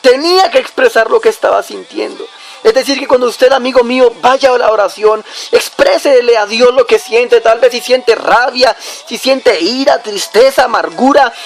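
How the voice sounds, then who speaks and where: A man's voice: extremely high pitch, moderate pace, creaky. A young adult man preaching a devotional teaching on prayer, addressing the listener directly point by point.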